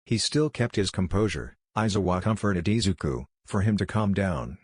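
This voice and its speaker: A man narrating a fan story in an even, unhurried reading voice. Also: deep voice, husky, no room sound, studio quality. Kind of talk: slow scripted story narration.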